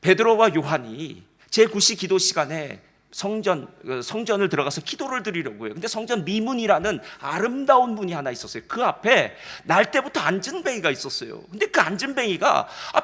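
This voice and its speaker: 생동감 있게 설교하는 남성 목사. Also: male voice, high voice, a little fast, few pauses. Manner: animated storytelling, acts out quoted dialogue; addresses congregation directly, frequent "예" fillers. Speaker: senior pastor. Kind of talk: sermon.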